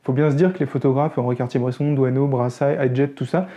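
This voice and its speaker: A man's voice: mid-range voice, steady tone, fast talker, dark tone. A man with a French accent hosting a photography channel, explaining a topic in a conversational way with self-deprecating asides. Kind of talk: educational talk to camera.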